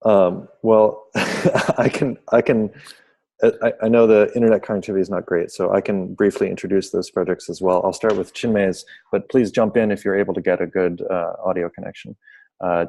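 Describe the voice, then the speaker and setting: A man's voice: sits low, fairly even intonation, brisk, vocal fry, warm tone. A man hosting an online seminar over a video call, explaining projects informally and apologizing for glitches. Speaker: seminar host.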